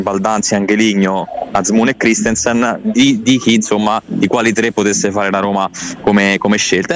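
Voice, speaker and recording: A man's voice: on the low side, a little hiss or hum. A man working as a football reporter, giving wordy, explanatory live analysis and repeating words as he goes. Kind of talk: live analysis on a radio show.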